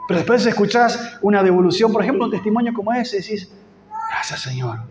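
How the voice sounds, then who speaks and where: Argentine male preacher, high voice, fervent sermon, echoey hall, long reverb, faint ambience. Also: steady tone, fast, a little mellow, a little hiss or hum. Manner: fervent, rising to emphatic peaks. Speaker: pastor.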